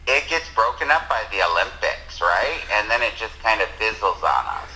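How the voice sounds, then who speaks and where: A man's voice: fairly low pitch, sing-song, normal speed, bright, forceful tone, a little hiss or hum, low-quality recording. A man heard over a phone on speakerphone, chatting casually and explaining at length as a friend calling in to a live show.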